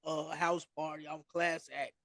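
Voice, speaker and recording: Man for a casual sports podcast: high, dry, loose slangy delivery with plenty of trash talk. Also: level tone, measured pace, fairly bright tone, no room sound. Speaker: podcast co-host.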